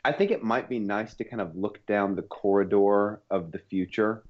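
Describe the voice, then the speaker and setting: A man with a fairly deep voice talks as a podcast co-host. He banters casually, and the recording is a little muffled. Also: moderate pace. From southern United States, Atlanta area.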